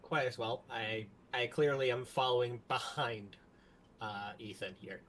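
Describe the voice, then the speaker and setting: A man's voice: medium pitch, fairly even intonation, unhurried, fairly bright tone. Male tabletop player over faint noise. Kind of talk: casual in-game description.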